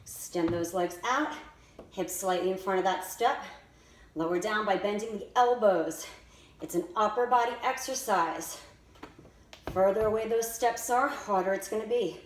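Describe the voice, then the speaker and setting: This fitness instructor, a woman, gives directive exercise cues and step-by-step workout guidance indoors near a staircase. Her voice is medium-pitched and her speed normal, captured in an echoey room with slight noise.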